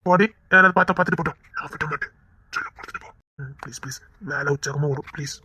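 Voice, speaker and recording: With a high-pitched, slightly bright voice and an animated, somewhat fast delivery, a Tirunelveli Tamil-accented man acts as a flirtatious boss who wheedles and teases his way through a village web-series scene. A little background noise can be heard.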